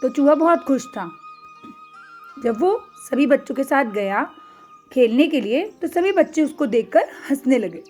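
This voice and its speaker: A young woman storyteller narrating a tale for children, slow, clear and expressive. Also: high voice, soft background music.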